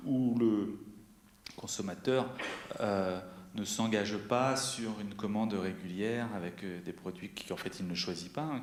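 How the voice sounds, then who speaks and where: Man with a lowish voice, hesitant explainer at a public talk, roomy echo. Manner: hesitant, pausing mid-sentence. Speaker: panel speaker, consumer association member. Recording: echoey room.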